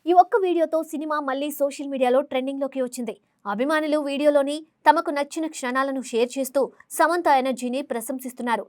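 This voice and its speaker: Female entertainment news narrator, high register, fast formal read of scripted copy. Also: fairly even intonation, darkish tone. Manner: formal reading delivery.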